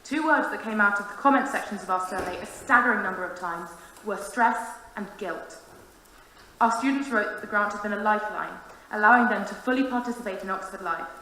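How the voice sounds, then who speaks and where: In a large, very echoey council meeting room with faint noise, a woman in her twenties reads a formal, earnest prepared speech as student union president. Her voice is medium in pitch, fairly quick, pushed and bright.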